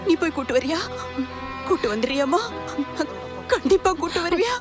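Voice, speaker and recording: A woman's voice: very high voice, expressive, moderate pace. An actress playing an anxious mother pleading for news of her missing daughter. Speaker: worried mother of a missing girl. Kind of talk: film drama acting. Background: film score music.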